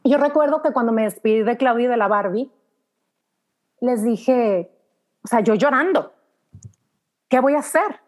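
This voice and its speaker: Mexican-accented woman, fairly high voice, animated anecdotal guest storyteller. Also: normal speed, pauses often. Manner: lively anecdotal, acts out quoted dialogue. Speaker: radio announcer guest. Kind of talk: casual storytelling interview.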